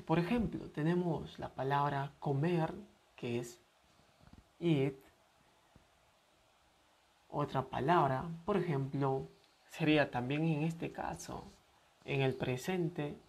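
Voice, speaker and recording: Slow, patient male English teacher. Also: on the high side, a little mellow. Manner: slow, patient, repeats words for practice. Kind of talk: pronunciation lesson.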